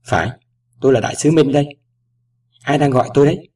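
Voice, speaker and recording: A cautious, tender older father and ambassador, as a male reader puts him on, speaking in careful, measured phrases. His voice is slightly husky and heard from some way off the microphone. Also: mid-range voice, a little mellow, voice pushed up, close to an everyday voice. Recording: voice distant from the mic.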